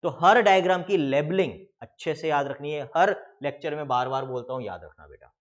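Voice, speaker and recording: A man teaching an exam-prep biology lecture, reading textbook lines slowly and then explaining them, calling his students beta. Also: a little high, lo-fi sound.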